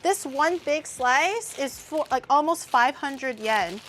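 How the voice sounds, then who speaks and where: Taking it slowly, a woman speaks in a high, fairly bright voice full of lively intonation, with a little hiss or hum in the background. She's a streamer and VTuber chatting casually as she cooks in her home kitchen on a livestream, blunt and profane, murmuring as she tastes the food.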